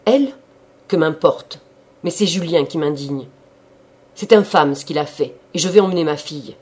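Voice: medium pitch, animated, fast, mellow, natural voice. A reader voicing an older baron who rants with indignation, in an audiobook of a classic novel. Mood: outraged. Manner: indignant ranting. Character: older baron, outraged and fuming.

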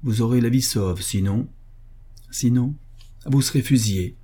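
A man's voice: medium pitch, unhurried, warm tone, husky. A man voicing a stern, impatient Prussian cavalry officer in a read-aloud story, speaking in a commanding, menacing way. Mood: cold, menacing.

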